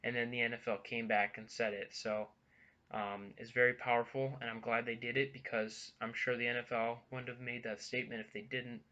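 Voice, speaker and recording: A young man giving casual news commentary in a vlog, halting and earnest, with many ums and restarts, a bit out of breath. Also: medium pitch, level tone, bright, forceful tone, muffled recording. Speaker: vlogger.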